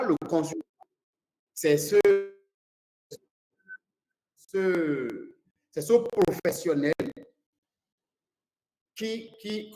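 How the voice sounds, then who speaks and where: This consultant and coach, a Nigerian native English speaker, addresses a live seminar crowd in a high, slightly mellow voice. Fillers and repeated words make his delivery halting, and the low-quality recording has a roomy sound.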